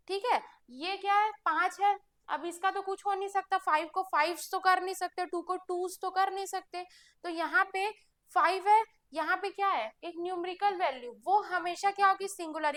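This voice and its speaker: A woman's voice: very high-pitched, fairly bright tone. A woman teaching English grammar for exam prep, explaining step by step and answering her own questions.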